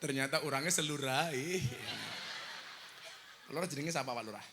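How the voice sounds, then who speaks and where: A man's voice: mid-range voice, normal speed, in a large hall, noisy background. A man preaching a humorous live sermon, teasing the crowd and breaking into sung prayers.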